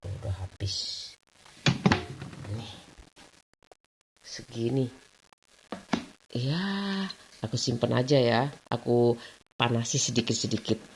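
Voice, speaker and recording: A middle-aged woman, chatting casually at home in a rambling vlog. She laughs often and raises her pitch when she acts out what others said. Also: takes it slowly, creaky, pauses often, heavy background noise. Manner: acts out quoted voices at a higher pitch. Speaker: vlogger.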